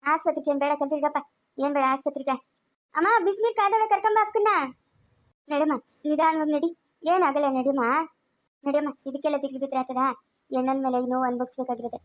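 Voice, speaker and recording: Woman playing a calm, soothing village mother. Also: high-pitched, lightly acted. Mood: coaxing. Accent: rural Chikkaballapur Kannada. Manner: reassuring, brisk, motherly. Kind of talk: village family drama.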